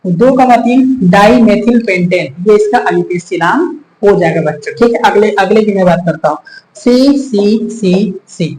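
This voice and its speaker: Counting out loud and patiently repeating each step, a male teacher gives a whiteboard chemistry lesson and refers to his students as children. His voice is high and a little mellow at a moderate pace, with slight background noise and faint ambience in an echoey room.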